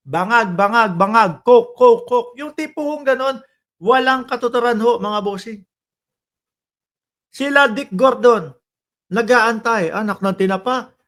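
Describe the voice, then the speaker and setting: A man's voice: high-pitched, bright, forceful tone. A man giving casual political commentary as a vlogger, in a mocking, chatty way, often calling out to his viewers. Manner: mocking, chatty, addresses viewers as bossing and kababayan.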